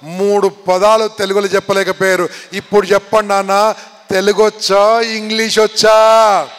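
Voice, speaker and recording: A motivational speaker with a Telangana accent, firing repeated questions at a student audience and shouting for answers. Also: male voice, sits high, level tone, moderate pace, clear, resonant tone. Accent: Telangana Telugu. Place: large hall with an audience. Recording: echoey hall, faint background noise.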